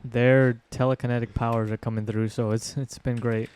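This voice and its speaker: A man's voice: medium pitch, flat delivery, normal speed, a little mellow, smooth. Chatty man playing a game with friends. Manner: chatty, laughs often, reads game text aloud. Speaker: gaming show co-host. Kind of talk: casual let's-play banter.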